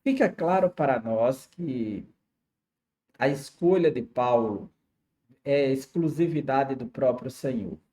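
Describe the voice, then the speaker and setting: A man's voice: medium pitch, animated, takes it slowly, dark tone. Brazilian man teaching a Bible lesson. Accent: Brazilian Portuguese. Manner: explanatory, with frequent "né?" and "tá certo?" checks. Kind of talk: Sunday school Bible lesson.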